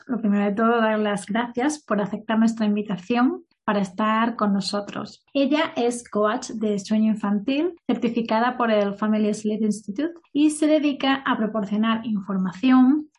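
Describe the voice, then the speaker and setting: A woman's voice: fairly high pitch, a little mellow. A woman hosting a family podcast, opening with a read introduction and then chatting with her guest as a welcoming interviewer. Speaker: podcast host.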